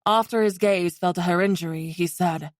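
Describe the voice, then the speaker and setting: A woman reading a fantasy romance audiobook in steady scripted narration. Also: on the low side, moderate pace, dry recording, studio quality.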